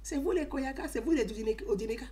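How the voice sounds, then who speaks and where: A woman with an Ivorian French accent delivering an impassioned political monologue, emphatic and scolding, swinging between loud outbursts and low asides. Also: a little fast.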